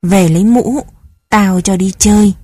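A woman's voice: medium pitch, a little slow, dark tone, husky, no echo, studio quality. A woman reading aloud voices a stern, hot-tempered mother who gives curt, scolding commands. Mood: brusque.

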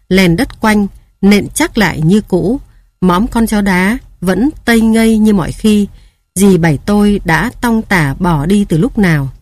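A woman narrating a story in a calm, measured reading voice. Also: medium pitch, no echo, clean studio sound.

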